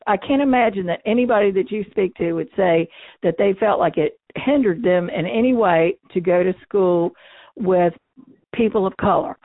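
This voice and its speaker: A woman's voice: medium pitch, no room sound. Casting: older woman, interviewee, frank and informal, numb-faced diction, narrow telephone-like audio. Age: 60s or older. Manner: numb-mouthed speech from a numb nose and face; candid, emphatic, informal. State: numb face and nose. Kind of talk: oral history interview, casual recollection. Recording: thin, phone-like, band-limited sound.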